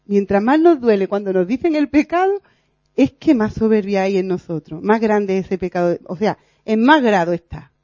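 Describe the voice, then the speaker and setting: A woman giving an informal sermon at a prayer meeting, earnest and animated, sometimes laughing at herself. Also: medium pitch, moderate pace, no echo. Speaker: lay preacher in a prayer meeting. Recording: dull lo-fi recording.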